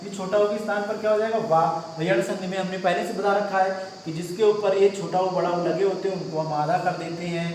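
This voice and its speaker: A man's voice: high-pitched, fairly even intonation, a little fast, a little mellow. Male teacher quizzing a class through a grammar lesson, a faint hum of room ambience behind him. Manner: asks questions to the class, repeats answers. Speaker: Hindi teacher. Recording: echoey room, mic far off.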